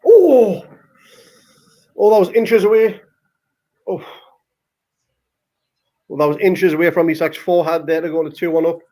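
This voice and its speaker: With a high, mellow voice and lively intonation, a football watchalong podcast host talks at a moderate pace, leaving long pauses. He comments live on the play in a casual, partisan way, punctuated by exclamations.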